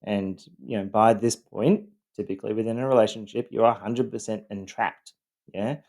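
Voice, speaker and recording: A man telling his own story in a loosely scripted personal vlog, talking in a halting, earnest way with many pauses and fillers. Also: fairly low pitch, fairly even intonation, creaky, darkish tone. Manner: earnest, explaining.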